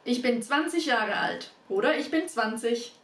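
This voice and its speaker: Brief: woman, slightly high, clear phrases, roomy recording. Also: expressive, moderate pace, slight background noise. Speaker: guest language teacher. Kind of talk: short recorded word clips.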